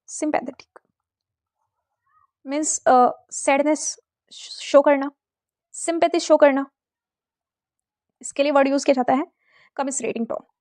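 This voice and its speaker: A woman teacher with a high voice explains terms for an exam. She speaks with an Indian English accent, mixing Hindi and English. She reads her example sentences slowly and often checks whether her students follow. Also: fairly even intonation, darkish tone. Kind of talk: exam-prep lesson.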